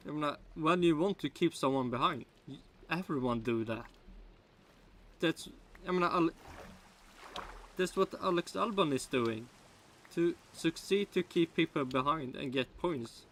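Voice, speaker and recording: A man's voice: on the high side, measured pace, fairly bright tone, slight background noise. A man from Sweden with a Swedish accent, a native Swedish speaker, rambling in casual reaction commentary with broken English and many restarts. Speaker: streamer reacting to a video.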